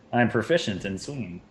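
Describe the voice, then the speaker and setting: A man's voice: mid-range voice, slight background noise. A man playing a tabletop game, stammering through his turn and cracking jokes. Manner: stammering, joking. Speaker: player. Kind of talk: casual tabletop game play.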